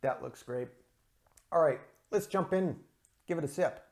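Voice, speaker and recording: A man with a somewhat high voice walks viewers through a beer review in a relaxed, casual way. He explains things carefully and spells out pronunciations, and his talk is full of ums and uhs. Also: unhurried.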